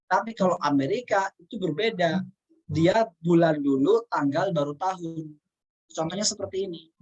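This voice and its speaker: A man teaching a casual spoken lesson, explaining patiently, repeating words and reading example sentences out slowly. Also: high voice, poor audio. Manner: reads English examples out slowly. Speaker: English teacher.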